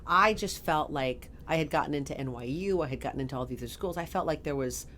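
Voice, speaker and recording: A middle-aged woman telling a story in a casual podcast interview, animated and often laughing as she acts out quoted voices. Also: deep voice, quick pace, a little hiss or hum. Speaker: guest.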